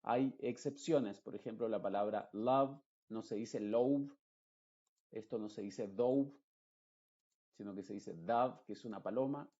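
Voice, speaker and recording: A man's voice: on the low side, moderate pace, warm tone, highs cut off. A man, teaching English pronunciation patiently and repeating example words. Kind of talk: slow, explanatory lesson narration.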